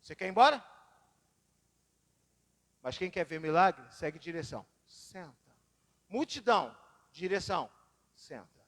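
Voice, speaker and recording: A man's voice: sits high, sing-song, measured pace, pauses often, fairly bright tone. A man preaching a sermon, telling personal stories with dramatic swings in his voice, recorded in a church hall. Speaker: pastor. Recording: long reverb of a church hall.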